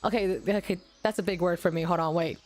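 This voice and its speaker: A woman's voice: on the low side, fairly even intonation, fast talker, a little mellow, faint music behind. A young woman streaming a game, chatting casually with viewers, giggling often and restarting her words, and English is not her first language. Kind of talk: casual gaming stream chat.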